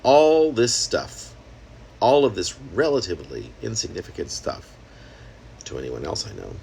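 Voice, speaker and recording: The poet's voice sits low and slightly mellow, with huge pitch swings, vocal fry, and an unhurried pace. He reads his own experimental prose poem in a wry, conversational way, adding asides and rhetorical questions over a little hiss or hum.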